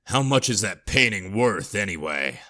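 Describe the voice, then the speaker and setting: A man's voice: fairly low pitch, sing-song, moderate pace, sharp tone, no echo, studio quality. A man voicing a hot-tempered, foul-mouthed male space outlaw who talks crude and suspicious.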